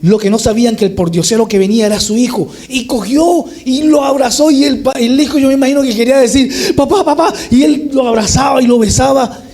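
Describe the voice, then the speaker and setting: Very high-voiced male preacher. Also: fairly quick. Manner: animated storytelling, acting out the scenes. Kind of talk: sermon.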